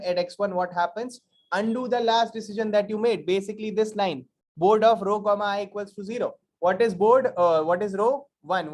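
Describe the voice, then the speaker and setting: A man with a North Indian accent giving an interactive coding lecture, emphatic and repetitive, often quizzing his listeners with rhetorical questions. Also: high-pitched. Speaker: programming teacher.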